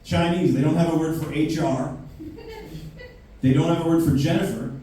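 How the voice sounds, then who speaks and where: Profane, ranting male stand-up with a dark, mellow voice, picked up from afar in a boomy basement. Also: fairly even intonation, normal speed. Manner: profane, brash, ranting delivery. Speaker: stand-up comedian. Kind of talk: stand-up comedy set. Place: basement club room with a live audience. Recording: very echoey basement, mic far off, faint hiss.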